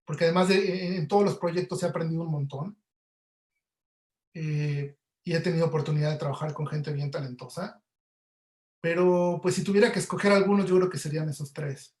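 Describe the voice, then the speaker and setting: Speaking fairly quickly with fairly even intonation, a man with a Mexican accent answers questions casually. His slightly high voice has a darkish tone. He's an audio producer interviewed in an online webinar, recorded with an echoey, roomy sound.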